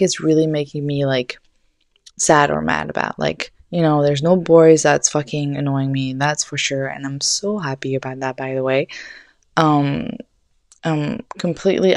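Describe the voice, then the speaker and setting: A young woman host spins a loose, animated story, full of swears and "like". Her voice sits low for a woman. The sound is dry, with no room around it. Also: no room sound. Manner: rambling, animated, swears often, fillers like "like". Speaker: podcast host. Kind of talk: casual storytelling monologue.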